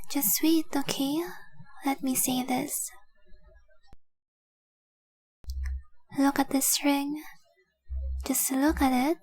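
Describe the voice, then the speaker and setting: A woman acts a young fiancée with dragon blood, devoted and remorseful, in an intimate romantic audio drama, sounding tender and insistent. Her voice is high and breathy, frequently close to a whisper, and she confesses slowly, earnestly and tenderly, her melody kept narrow and gentle.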